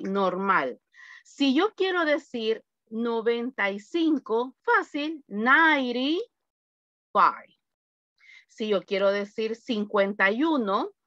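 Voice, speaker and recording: A woman teaches an English lesson over a video call, taking her time and drilling each number with patience. Her voice sits a little high. The sound is dull and lo-fi, and the room is dry. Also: a bit bright, dry recording. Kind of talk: online class lesson.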